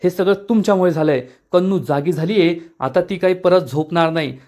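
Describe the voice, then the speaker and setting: A man's voice: sits high, a little fast, darkish tone, close to an everyday voice. A man voicing a chiding young woman. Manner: chiding, talkative. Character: bubbly young woman scolding her boss.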